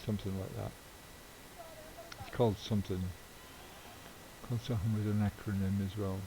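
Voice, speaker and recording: A man's voice: on the low side, flat delivery, normal speed, noisy background. A middle-aged man streaming a game, chatting casually in a rambling way with offhand swearing. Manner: rambling, swears casually, chuckles at own jokes. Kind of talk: casual live-stream chat while gaming.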